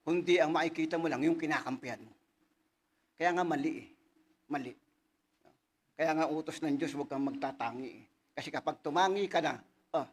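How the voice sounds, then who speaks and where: Man preaching a sermon, slightly high voice, faint room ambience behind. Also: slight background noise. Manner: conversational preaching, slows down and louder when reading scripture; frequent tag questions to the congregation. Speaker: pastor.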